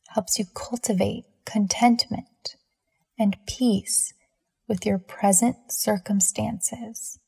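A woman leads a scripted guided meditation, measured and soothing, leaving deliberate pauses between phrases. Her medium-pitched voice is gravelly and husky, with a slightly mellow touch.

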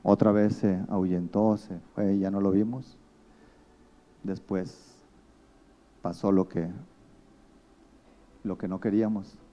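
A man's voice: low voice, level tone, takes it slowly, long pauses, dull audio. A man with a Mexican accent preaching a sermon as pastor, telling stories and acting out the people he quotes. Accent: Mexican Spanish.

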